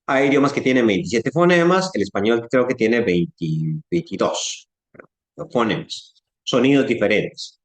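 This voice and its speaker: A man's voice: medium pitch, expressive, unhurried, reverberant. A man with a Latin American Spanish accent teaching an informal church class, putting questions to his listeners and acting out speech sounds. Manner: conversational, asks the audience questions, acts out sounds. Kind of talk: informal Bible-class lecture.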